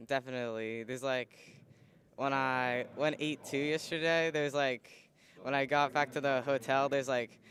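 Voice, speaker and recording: A man's voice: mid-range voice, fairly even intonation, a little slow, fairly bright tone, a little hiss or hum. Male, from Massachusetts, tournament player, modest, hesitant, faint crowd ambience. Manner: modest, hesitant, short answers. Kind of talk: post-match interview answers. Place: convention centre floor.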